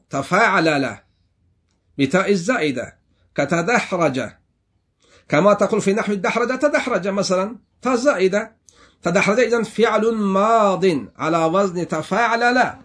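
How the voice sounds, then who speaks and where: A man from Afghanistan teaching a classroom lesson, who puts questions to his students, answers them himself and repeats the key words with halting restarts. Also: high voice, fairly bright tone. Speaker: religious teacher.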